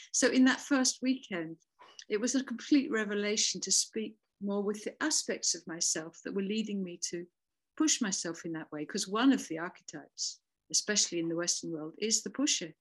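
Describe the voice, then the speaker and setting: A reflective woman, a voice dialogue facilitator, talking through her story in a conversational interview with small laughs and restarts. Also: mid-range voice.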